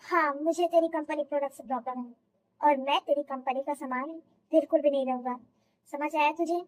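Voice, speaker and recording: A woman's voice: high-pitched, fairly even intonation, fairly quick, a little mellow, slight background noise, pitched below the performer's own voice, natural voice. A woman voicing a hostile, threatening rival businessman in a fan audio drama. He taunts bluntly.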